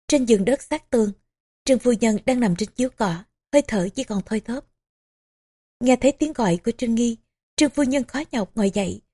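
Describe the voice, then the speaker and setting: A woman narrating a historical novel as an audiobook, in measured, even storytelling. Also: on the high side, breathy edge. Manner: measured, even storytelling with small voicings for characters.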